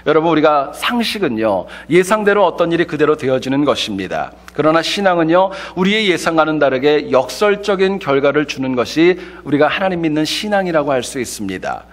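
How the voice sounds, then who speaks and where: A man preaching a Sunday sermon as pastor, telling light humorous stories in a lively way before turning to the scripture. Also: fairly high pitch, a little fast, few pauses. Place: church sanctuary.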